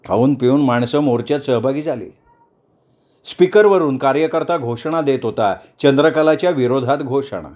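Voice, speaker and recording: A man narrating a novel as an audiobook, with dramatic, lively storytelling. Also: mid-range voice, moderate pace.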